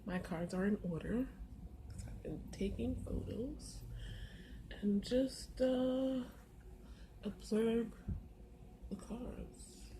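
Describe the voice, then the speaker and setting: Her mid-range voice comes through with poor audio, captured by a camera microphone in a first-floor apartment on a busy street where faint street noise drifts in. The tarot and oracle card creator, suffering a sore throat, gives a casual walkthrough, pausing often and hesitating softly without hurrying.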